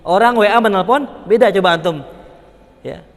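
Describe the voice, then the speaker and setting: Lively, high-voiced preacher in a hall. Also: male voice, normal speed. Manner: animated, acts out dialogues with big pitch jumps, chuckles often. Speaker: religious teacher. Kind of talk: informal Islamic study lecture.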